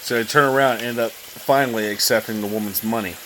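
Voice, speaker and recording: This channel host, a man in his thirties, talks fast in a mid-range voice with fairly even intonation over a noisy background. He runs a relaxed live chat full of jokes, teasing and stories.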